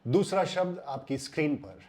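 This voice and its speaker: Indian man calmly teaching pronunciation. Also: a little high, moderate pace. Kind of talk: explanatory lesson voice-over.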